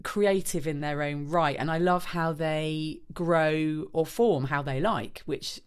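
A woman's voice: low-pitched, slow, clean tone. A woman hosting an interview, asking enthusiastic, rambling questions full of fillers. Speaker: interviewer host.

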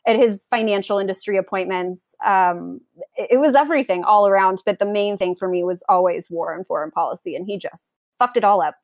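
A woman's voice: mid-range voice, brisk, dry recording. A woman in her twenties with a Valley Girl accent, chatting casually as an interview guest and peppering her talk with "like". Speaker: podcast guest.

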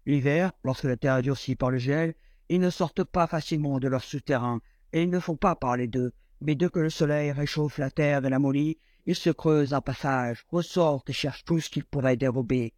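A man voicing a large, gentle talking brown bear in a read-aloud fairy tale, speaking in a calm, friendly way. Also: a little high, moderate pace, no echo, lightly acted.

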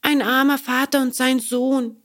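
A woman voicing a remorseful wooden puppet boy in a storybook reading, with a high, bright childlike voice. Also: flat delivery, measured pace. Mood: eager.

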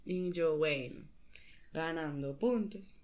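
A young woman with a Colombian accent, telling a personal story in a giggly, animated way, full of slang. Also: low-pitched, slow. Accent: Colombian Spanish. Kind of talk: casual chat.

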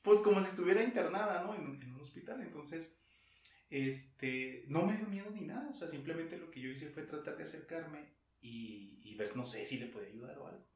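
A man with a Mexican accent telling a story in casual conversation, halting and rambling, with frequent laughs. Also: fairly high pitch, expressive. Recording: echoey room, far from mic.

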